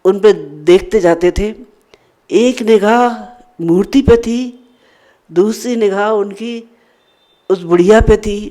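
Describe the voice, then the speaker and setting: A woman's voice: medium pitch, slow pace, long pauses, dark tone. A woman spiritual speaker telling a devotional story earnestly, repeating phrases for emphasis.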